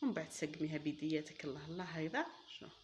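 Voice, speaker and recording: A woman's voice: low voice, animated, rapid-fire, darkish tone, a little hiss or hum. A woman with an Algerian Arabic accent hosting a cooking channel, chatty and enthusiastic, talking viewers through a recipe as she works. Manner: chatty, addresses viewers as girls, enthusiastic praise. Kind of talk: casual cooking demonstration.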